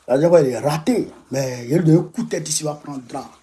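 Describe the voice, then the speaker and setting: Man, emphatic live-stream host, mellow dark tone, repeats himself to rally people. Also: on the high side, quick pace, a little hiss or hum. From Côte d'Ivoire. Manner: emphatic, repeats phrases, exhorting. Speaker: livestream host rallying supporters. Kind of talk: casual live-stream address. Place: at home.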